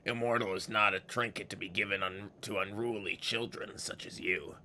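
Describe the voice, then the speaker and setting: Bitter old game fiend, ghoulish, creaky, hard-edged, theatrical villain, scornful, scheming. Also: male voice, fairly low pitch, fairly even intonation, moderate pace, bright, forceful tone, a little hiss or hum. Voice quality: gravelly, ghoulish. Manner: theatrical villainous delivery, savoring words, spitting disgusted interjections. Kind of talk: dramatic video game character read-aloud.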